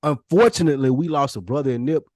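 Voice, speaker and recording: Man, podcast co-host, plain pitch, blunt and emphatic, casual swearing, very dry close sound. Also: quick pace, a little mellow, dry recording.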